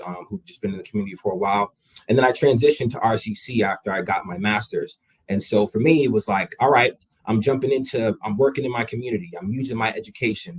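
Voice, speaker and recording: Speaking as a guest in a casual interview, this young man of Jamaican heritage is energetic and chatty, often echoing his words at the start of a sentence. He has a fairly low, slightly rough voice, and the audio quality is poor.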